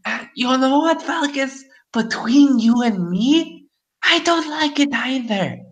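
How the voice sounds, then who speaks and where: A man voicing a knowing old crone fortune teller with a high, cackling old woman's voice in a tabletop game. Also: animated, slow, fairly bright tone, reverberant, exaggerated voice. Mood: chummy, griping. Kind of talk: tabletop role-play.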